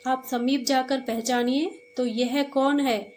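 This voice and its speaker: A woman voicing a frightened, grieving young boy in a read-aloud story, speaking slowly in a high voice. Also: steady tone, darkish tone, slight background noise. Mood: pleading.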